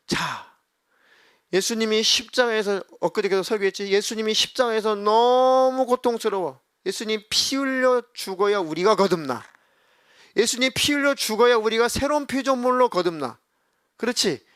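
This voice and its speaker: Middle-aged guy pastor preaching to youth, lively bright voice jumping all over, acts out voices, dry close sound. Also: sits high, normal speed, smooth, no room sound. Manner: animated, acts out quoted voices, scolds listeners playfully. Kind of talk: youth sermon with acted storytelling.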